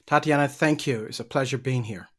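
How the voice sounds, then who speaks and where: A middle-aged man from Barbados talks casually as a guest on a podcast. His pitch sits in the middle of the range for a man. He answers at a relaxed pace and often repeats a word or two while he gathers his thoughts. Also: fairly quick. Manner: easygoing, repeats words while thinking. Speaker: guest, leadership trainer.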